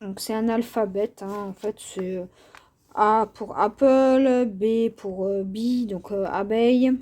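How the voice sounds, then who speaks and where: A woman hosting her own craft channel, showing her cross-stitch canvases in a casual, unhurried vlog, hesitant and full of fillers. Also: mid-range voice, fairly even intonation, mellow. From France. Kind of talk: casual show-and-tell vlog.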